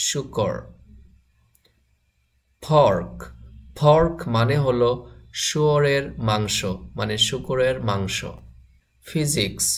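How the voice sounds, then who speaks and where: Male teacher, unhurried drilling delivery, mid-pitched voice. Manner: measured, repeats each word and its meaning. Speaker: vocabulary teacher. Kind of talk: slow word-by-word vocabulary lesson.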